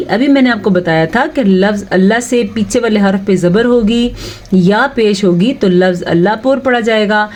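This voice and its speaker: A patient woman teacher explaining recitation rules in a calm, middle-pitched voice. She slows right down to stretch each recited word carefully, then goes back to plain explanation. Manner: patient, repeats words slowly, drawn-out recitation of verses; asks the listener rhetorical check questions. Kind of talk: tajweed lesson, explaining and slowly reciting.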